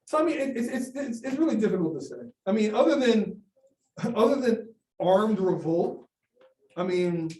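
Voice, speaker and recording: This guest speaker has a high, darkish, expressive voice and talks at normal speed. He presents an academic talk and answers questions from the audience, stumbling through frequent restarts and fillers. The sound is distant and echoey, as captured in a lecture room.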